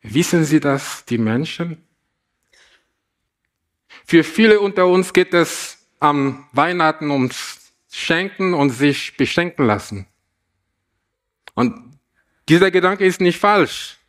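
A man preaching a Christmas sermon, reading a fable aloud and asking the listeners gentle questions. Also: a little high, expressive, slow pace, pauses often. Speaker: pastor.

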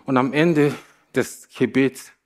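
A man preaching a sermon, slow and emphatic, repeating phrases and rising into bursts of emphasis. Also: mid-range voice, fairly even intonation.

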